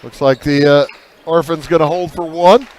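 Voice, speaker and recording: A man calling a high school basketball game play by play, measured with filler pauses, lifting his voice on big plays. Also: steady tone, darkish tone. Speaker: play-by-play announcer.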